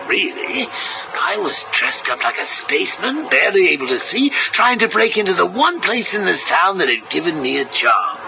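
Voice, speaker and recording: An actor playing a manic, mocking villain clown, heard played back from an old interview tape. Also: male voice, fairly high pitch, gravelly, exaggerated voice, low-quality recording. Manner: sarcastic, sing-song, cackling. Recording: hissy cassette tape recording.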